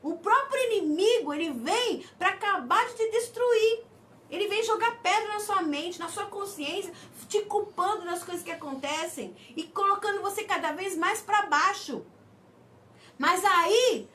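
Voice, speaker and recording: A woman pastor preaches a sermon, slowing down on key words and asking the congregation for amens. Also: very high voice, animated, a bit bright. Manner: preaching with slow emphatic stresses and calls of amen. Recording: mic somewhat distant, faint background noise.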